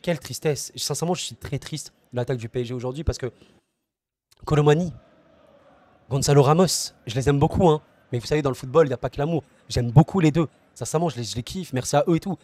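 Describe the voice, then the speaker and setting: A man's voice: on the high side, quick pace, mellow, no room sound. A man hosting a solo football debrief, talking passionately and directly to his viewers, often repeating words and restarting phrases as he thinks aloud. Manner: passionate, talks straight to viewers as friends. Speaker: football channel host.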